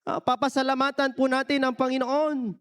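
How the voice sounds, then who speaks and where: A man's voice: very high-pitched, flat delivery, a little fast, fairly bright tone, clear, resonant tone. A man from the Philippines preaching a sermon as pastor, mixing English phrases into his talk and often asking the congregation to answer back. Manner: peppers every point with questions to the congregation.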